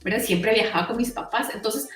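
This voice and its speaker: A woman's voice: on the high side, brisk, fairly bright tone, faint music behind. Costa Rican woman, roomy and distant. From Costa Rica. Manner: chatty, many fillers like "o sea" and "¿verdad?". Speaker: guest. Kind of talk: casual conversational interview.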